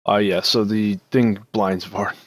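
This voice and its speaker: A man narrating as dungeon master of a tabletop game, halting with many fillers as he describes the action. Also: on the low side, steady tone.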